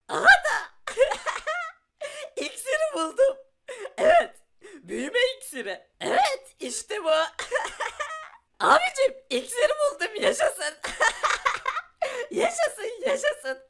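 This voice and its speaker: A woman's voice: very high voice, creaky, fairly bright tone, slight background noise, full character voice. A woman voicing a small, whiny poor boy in a Minecraft cartoon, giggling and whimpering through her lines. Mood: giddy. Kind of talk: Minecraft animation voice acting.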